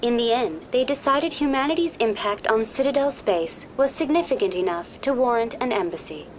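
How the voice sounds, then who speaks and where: A woman voicing a too-smooth female AI guide. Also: on the high side, normal speed, slight background noise, close to an everyday voice. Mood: calm informative. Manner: even, courteous, too-smooth synthetic delivery. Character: smooth, polite female virtual-intelligence information program. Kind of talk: video game voice acting. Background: game music.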